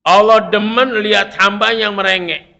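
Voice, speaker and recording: A man with a Betawi Jakarta accent teaching a casual religious lesson, reading Arabic and explaining it in colloquial speech with humor, his voice swinging from loud to soft. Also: high-pitched, fairly even intonation, moderate pace, creaky. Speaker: Islamic preacher teaching fiqh. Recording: muffled lo-fi sound.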